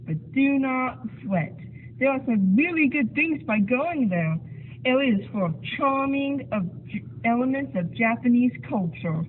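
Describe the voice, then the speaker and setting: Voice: sits high, animated, a little slow. A performer voicing a chatty, goofy sock puppet guide in a muffled voice, in an amateur puppet show. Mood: eager. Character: chatty sock puppet showing a newcomer around town. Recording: tinny phone-like sound, faint noise.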